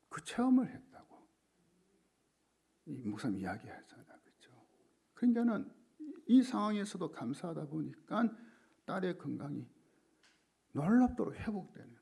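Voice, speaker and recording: A man's voice: on the high side, vocal fry, mellow, breathy edge. A male pastor preaching a sermon, telling a story dramatically and often dropping to a whisper.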